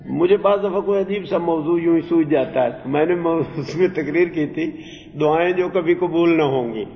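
A man teaching Quranic Arabic grammar, reciting verses slowly and then explaining them in translation. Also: a little high. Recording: dull lo-fi recording in a reverberant hall.

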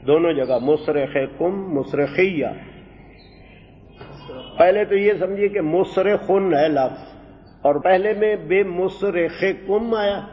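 Man teaching Quran grammar in a reverberant hall. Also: fairly high pitch. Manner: recites Arabic verses slowly, then explains in quick Urdu. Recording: dull recording with long hall reverb.

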